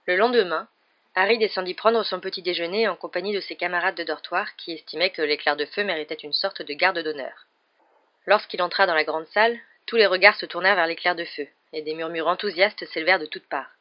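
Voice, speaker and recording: A woman narrating an audiobook with an expressive reading. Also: on the low side. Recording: dull lo-fi recording.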